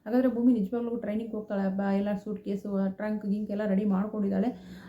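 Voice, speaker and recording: A woman's voice: medium pitch, little pitch movement, fast talker. A woman casually retelling a TV serial episode, chatty, with frequent filler sounds. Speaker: serial recap narrator. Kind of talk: casual storytelling recap. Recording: roomy, slightly dull home recording.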